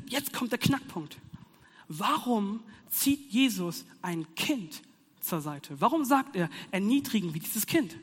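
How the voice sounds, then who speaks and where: Young male preacher, high voice, slangy and playful, reverberant hall. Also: breathy edge. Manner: slangy, animated, playful asides. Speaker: youth preacher. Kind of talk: casual youth sermon. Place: hall with audience.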